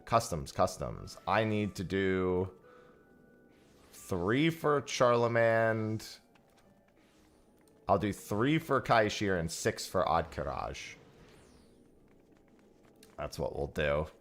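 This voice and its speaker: A male livestreamer with a low, sing-song voice takes his time, leaving long pauses as he chats and thanks viewers mid-game. The audio comes from his headset mic.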